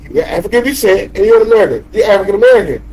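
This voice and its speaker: A young man chatting on a podcast with friends. His pitch swings widely as he talks, and his voice is mellow and dark rather than bright. He swears freely and keeps asking "you know what I'm saying". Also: expressive, racing, breathy edge, rough recording. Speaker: podcast co-host. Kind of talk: casual group chat.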